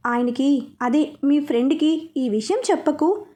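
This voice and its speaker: A woman's voice: sits high, a little slow. A woman voicing a young wife who talks sharply and stubbornly. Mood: feisty. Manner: sharp, sulky, determined.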